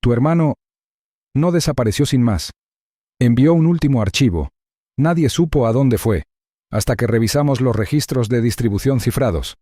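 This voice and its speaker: A man voicing a calm male federal agent who speaks low and steady with quiet urgency in a storybook reading. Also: normal speed, dry recording, clean studio sound, close to an everyday voice. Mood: urgent.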